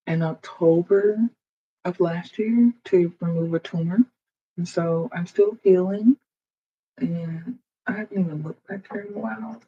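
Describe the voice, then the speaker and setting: The highs are cut off on this dark, slightly rough mid-range voice. While fiddling with computer audio settings, the streamer chats casually straight to viewers, speaking into a computer microphone indoors and wearing headphones.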